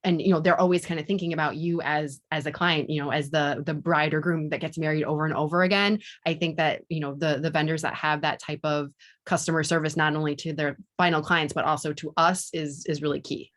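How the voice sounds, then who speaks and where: Low-voiced woman, halting and measured. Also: fairly even intonation, a bit bright. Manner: halting, full of "you know". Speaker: event planner. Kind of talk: panel discussion.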